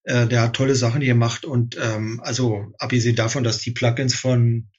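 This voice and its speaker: Male composer guest, middle pitch, hesitant and thoughtful, muffled recording. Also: level tone, normal speed. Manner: thoughtful, many fillers and restarts. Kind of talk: casual interview talk.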